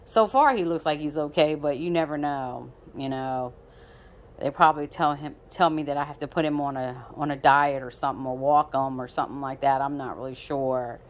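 A woman's voice: sits low, normal speed. A woman casually vlogging her pet cat at home on a phone, playful and repetitive as she talks fondly to him.

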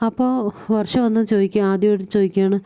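A woman's voice: medium pitch, level tone, fast, dark tone, clean tone. A woman casually recapping a TV serial episode, retelling scenes and quoting each character's lines in turn.

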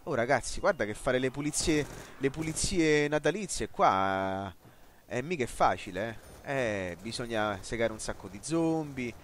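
A young man giving jokey, excited commentary while playing a game, often talking to the game and the viewers. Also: normal speed, slight background noise. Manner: jokey, talks to the game and viewers, bursts into high yelps. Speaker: gaming let's player.

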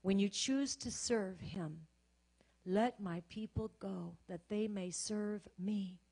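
A middle-aged woman pastor preaching a sermon, swinging between loud, shouted exhortation and quiet, hushed storytelling. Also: medium pitch, takes it slowly, breathy edge.

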